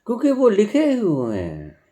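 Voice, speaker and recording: A man delivers a sermon at an unhurried pace. His pitch swings widely, climbing on emphatic phrases before settling back down as he explains. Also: huge pitch swings, warm tone. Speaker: spiritual teacher.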